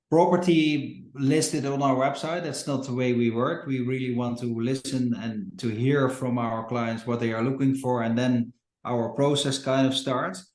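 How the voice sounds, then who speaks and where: A man's voice: medium pitch, darkish tone, reverberant. A man from the Netherlands with a Dutch accent, a company founder talking in a casual podcast interview, hesitant with many fillers and restarts. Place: Portugal.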